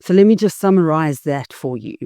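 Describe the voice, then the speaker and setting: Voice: mid-range voice, animated, brisk, mellow, dry recording, clean studio sound. A political YouTuber, giving emphatic, scathing commentary and leaning hard on key words. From South Africa. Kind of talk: opinionated political commentary vlog.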